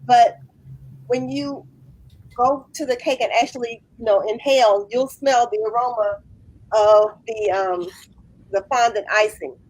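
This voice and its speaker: Woman, late fifties, guest business owner, husky, fairly high pitch, earnest, explains step by step. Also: unhurried, poor audio. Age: 50s. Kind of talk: casual interview chat.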